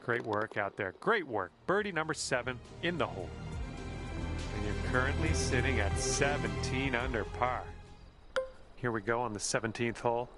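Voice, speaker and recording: A man's voice: mid-range voice, expressive, normal speed, close to an everyday voice. A man voicing a cheerful golf caddie. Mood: encouraging. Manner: upbeat, encouraging, folksy. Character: cheerful encouraging adult male golf caddie. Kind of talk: game voice lines. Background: background music.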